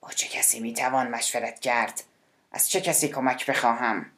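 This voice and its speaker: A woman voicing an agitated middle-aged male director-general who is tense and commanding, sometimes shouting. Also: low voice, lightly acted. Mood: muttering, worried.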